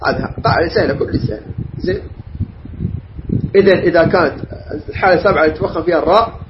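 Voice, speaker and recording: Brief: male teacher, fairly high voice, methodical and patient, on a dull lo-fi recording. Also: racing. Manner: methodical, checks understanding with questions. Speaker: Quran recitation teacher. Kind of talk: lesson. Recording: dull lo-fi recording with faint noise.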